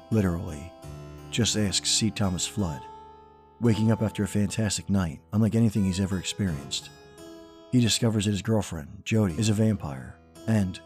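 A man's voice: low voice, darkish tone. A man hosting a horror show in scripted spooky narration, theatrical and tongue-in-cheek macabre. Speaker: horror podcast host. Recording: music behind the voice.

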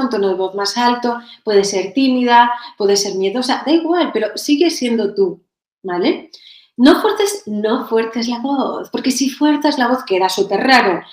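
A woman from giving energetic, direct on-camera advice as a presentation coach. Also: fairly high pitch. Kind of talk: on-camera tutorial. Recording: roomy echoey room.

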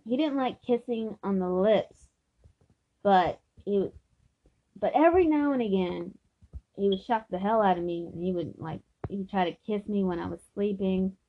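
A woman's voice: mid-range voice, a little slow. A woman telling a personal story from her own life in an earnest, emphatic way, often repeating herself for stress. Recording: dull lo-fi recording.

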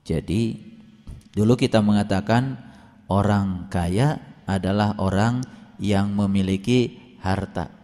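A man preaching a sermon, swinging up to high emphatic peaks and chanting scripture verses slowly. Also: warm tone. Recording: long hall reverb.

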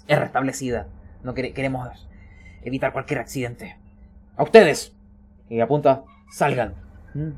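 A man's voice: medium pitch, slight background noise, natural voice. A man voicing a stern male museum guard who orders people out of a room.

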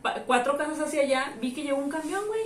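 A high-pitched Mexican woman co-hosting a casual podcast, swearing freely and acting out the people in her anecdotes. She is heard from a distance in a roomy, echoing space. A faint ambient hum sits behind her. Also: fast. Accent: Mexican Spanish. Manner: profane, animated storyteller who acts out the people in her stories. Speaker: co-host. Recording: roomy echo, distant mic.

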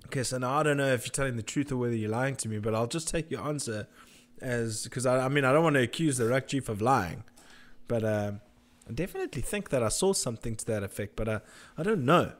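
A man's voice: medium pitch, fast talker. A man hosting a casual interview. He is chatty and jokey, restarting his sentences and laughing nervously. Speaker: interviewer host.

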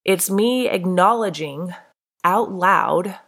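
Speaking slowly in a lowish, fairly bright voice, this podcast host from North Carolina sounds congested, throaty and stuffed-up. She talks candidly and earnestly in a casual, conversational solo episode.

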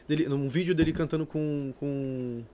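A man, a musician guest, chatting casually and relaxed, with halting restarts. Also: on the high side, crowd noise. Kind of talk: casual chat.

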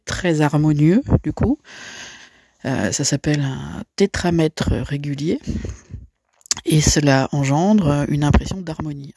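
A man's voice: fairly high pitch, gravelly, a little mellow, breathy edge, no echo, studio quality. A male literature teacher explaining a poem to his students in a recorded lesson, hesitant, with many fillers and restarts.

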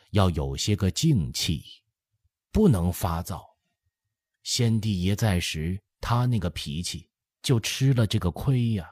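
A man voicing an eighty-year-old empress dowager who gently lectures her son in an audiobook. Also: lowish voice, breathy edge, no echo, studio quality, exaggerated voice. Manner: soothing, lecturing, drawn-out chatty. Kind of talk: audiobook character voice.

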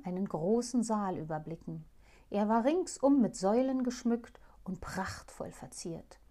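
A woman narrating a fairy tale in a calm, hushed storytelling voice that sometimes drops to a near whisper. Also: medium pitch.

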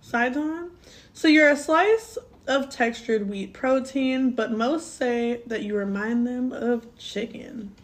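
A woman's voice: fairly high pitch, takes it slowly, hardly any pauses. A young woman co-hosting a podcast in casual chat, laid-back, laughing often and swearing casually. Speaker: podcast co-host.

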